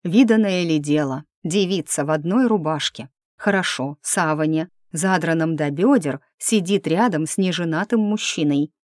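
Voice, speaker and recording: A woman's voice: low-pitched, moderate pace, a little mellow, no room sound, studio quality. A woman narrating a first-person audiobook in a wry, ironic manner.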